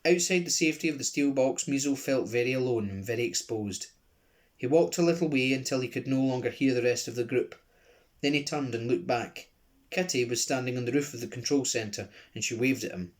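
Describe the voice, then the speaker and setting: A man with a Glasgow accent reading a children's book aloud, expressive, with chatty asides. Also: medium pitch, brisk. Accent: Scottish (Glasgow).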